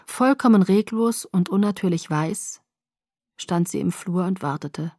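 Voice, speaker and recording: A woman reading an audiobook in steady first-person narration. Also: on the low side, measured pace, dry recording, clean studio sound.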